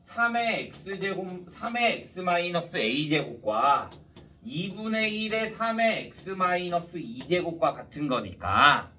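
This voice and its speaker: High-pitched male math teacher, slurred dental diction. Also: bright, forceful tone, recorded from a distance, slight background noise. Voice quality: slightly slurred, lisping diction, numb-mouthed after wisdom tooth extraction. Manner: didactic, checks understanding often. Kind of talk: step-by-step math lesson with rhetorical questions to students.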